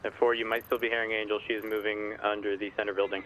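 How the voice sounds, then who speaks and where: A man's voice: fairly low pitch, level tone, fast talker. A man speaking over a police radio as an officer in a roleplay, using clipped radio codes. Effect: heard over a police radio. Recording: muffled radio line with noise.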